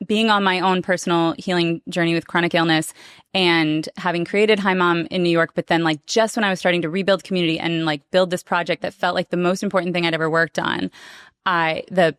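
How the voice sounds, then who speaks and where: A woman speaks as a guest on a podcast taped before a small audience. Her voice sits a little low and sounds smooth and resonant. She talks in an earnest, reflective way, and the sound is dry and close. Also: fairly even intonation, a bit bright, dry recording. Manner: earnest, reflective, slow to find words. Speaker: guest performer. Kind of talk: podcast interview.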